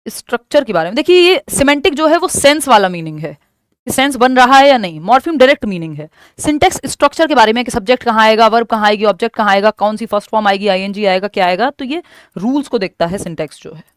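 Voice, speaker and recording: A woman teacher talks through exam questions one at a time, slipping English terms into her explanations. Her voice sits high. The recording is dry and close, with no room around it. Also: dry recording. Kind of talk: exam-prep lesson.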